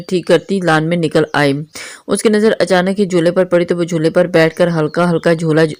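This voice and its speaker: A woman narrating a romantic novel aloud in a steady, even reading voice. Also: on the low side.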